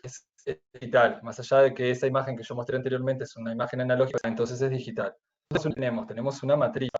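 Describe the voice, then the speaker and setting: A male teacher, giving an online class from home. His voice comes through a choppy, robotic-sounding video call, and he explains patiently, checking in often with quick tags. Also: mid-range voice, steady tone, background noise. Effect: choppy, robotic-sounding video call audio. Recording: muffled lo-fi internet call.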